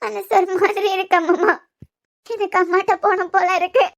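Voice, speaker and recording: A woman playing a young wife with a Kanyakumari accent, her voice very high and pleading, on the edge of tears. She sounds heartbroken and small, like a heroine in a cartoon love serial. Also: steady tone, a little fast. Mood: tearful. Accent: Kanyakumari Tamil. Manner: pleading, sniffling. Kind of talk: cartoon web series voice acting.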